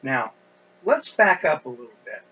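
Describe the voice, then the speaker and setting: A middle-aged man preaching an expository sermon as a pastor, speaking deliberately and pushing up his voice on stressed points. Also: medium pitch, big pitch swings, sharp tone, slightly rough. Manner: deliberate, with emphatic rising stresses. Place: church sanctuary. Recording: dull lo-fi recording with faint hum.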